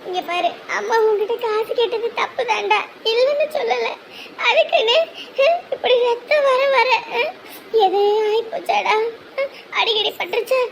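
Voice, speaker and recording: A woman's voice: very high voice, animated, moderate pace, gravelly, slight background noise, heavily acted. A woman voicing a thrifty village mother who laments and scolds in broad rural speech. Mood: pleading.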